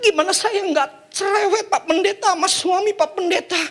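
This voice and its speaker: A man's voice: very high voice, normal speed, a bit bright, voice pushed up. A man playing a flustered wife who frets and pleads as she vents to her pastor. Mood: fretful. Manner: fretful, pleading, chattering.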